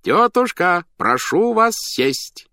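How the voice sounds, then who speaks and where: A man voicing a shrill, boisterous male circus clown who bellows comic announcements to a crowd. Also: big pitch swings, sharp tone, dry recording, studio quality, exaggerated voice. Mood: boisterous shouting. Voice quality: shrill, squealing. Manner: hollering, drawn-out comic announcing.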